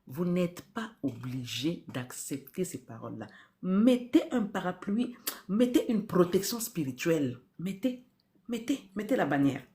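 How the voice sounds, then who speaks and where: This woman speaks at a fairly low pitch, unhurried and mellow, with big swings in pitch. Earnest throughout, she gives spiritual advice on a live stream, repeating key phrases and asking rhetorical questions.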